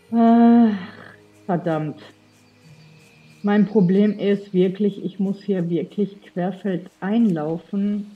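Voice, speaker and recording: On a lo-fi recording, a medium-pitched young woman streams a let's play, nursing a slight cold. Her commentary is casual and rambling, packed with fillers, and she addresses her viewers directly as she games.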